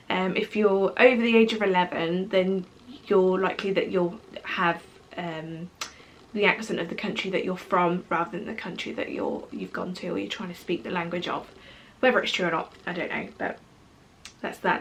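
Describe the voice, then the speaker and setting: A woman in her twenties from Portugal, speaking with a British accent, chats casually to camera as a vlogger. Her voice is on the low side, there's slight background noise, and she rambles with lots of fillers.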